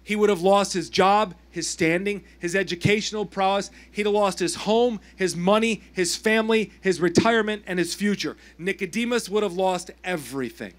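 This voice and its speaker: A man preaching a sermon as pastor, impassioned, swinging from hushed tones to loud pleading at an outdoor service. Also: high-pitched, moderate pace, few pauses. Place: outdoor service with people in parked cars.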